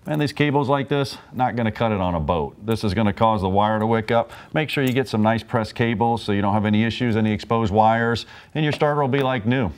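A man's voice: fairly low pitch, a little fast, hardly any pauses. A man in his forties, a technician and instructor, giving a folksy, plain-spoken repair demonstration in a large workshop on a lapel mic. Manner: folksy, plain-spoken, explains while working.

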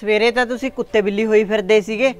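A man's voice: high voice, fairly even intonation, quick pace, soft background music, natural voice. A man playing a nagging older village mother-in-law, scolding her son and his wife in a web drama. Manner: scolding, sharp-tongued.

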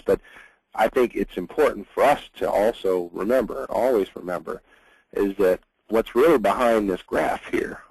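A man's voice: fairly low pitch, gravelly, a little mellow, slightly rough, no room sound, low-quality recording. A man presenting as a hurricane scientist in a webinar, explaining earnestly with frequent fillers over a computer mic.

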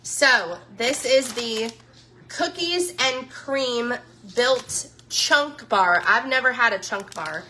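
A woman's voice: on the high side, animated, takes it slowly, pushed and bright, slight background noise. A woman chatting in a casual live stream, gushing over products she tries and saying "y'all" to her viewers. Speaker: social media influencer.

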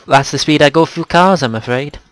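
A man playing a game with a friend, easygoing and quick to laugh. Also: a little high, a bit bright, no echo. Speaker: co-player. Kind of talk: casual chat while gaming.

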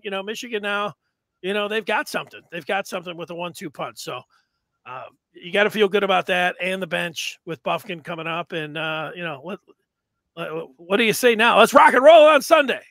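A man in his thirties hosting a casual sports chat from home on a headset mic, talking excitedly with lots of fillers. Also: high-pitched, no room sound. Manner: excitable, rambling with many fillers. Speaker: podcast host. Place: home room with sports jerseys. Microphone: headset mic on video call.

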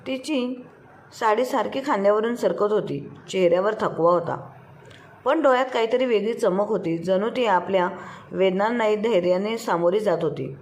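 Woman reading a story out, steady and expressive, normal pitch. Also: normal speed. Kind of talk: scripted story narration.

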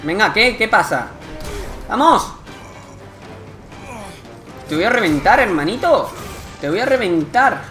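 Excitable Spanish gamer, swearing at the game. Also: male voice, high-pitched, normal speed, soft background music. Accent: Spain Spanish. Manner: excitable, swears often, frustrated outbursts. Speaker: gaming youtuber. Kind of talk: gameplay commentary.

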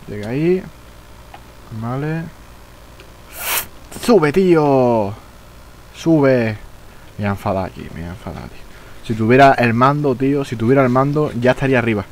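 A man's voice: medium pitch, slight background noise, poor audio. Young man streaming a game. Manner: casual, swearing, frustrated outbursts. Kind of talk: live gameplay commentary.

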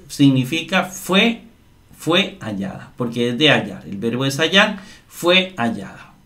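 Male teacher, unhurried delivery, repeats key terms, walks through grammar step by step. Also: fairly high pitch, sharp tone. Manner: slow, explanatory, repeats words and asks "¿verdad?". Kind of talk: screen-share grammar lesson.

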